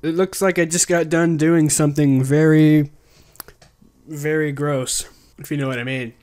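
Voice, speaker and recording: A man's voice: on the high side, fairly even intonation, measured pace, darkish tone, clear, resonant tone. A young man chatting casually to camera as a vlogger, into a desktop mic in a small room. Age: young adult. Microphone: desktop condenser mic, close.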